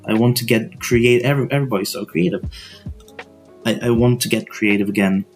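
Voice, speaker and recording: A young man hosting a podcast in a casual, rambling monologue from his dorm room, speaking in a quiet, just-woken-up voice with many stuttered restarts and casual swearing. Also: medium pitch, fairly quick, faint music behind. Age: young adult. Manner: quiet morning voice. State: just woke up. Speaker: podcast host.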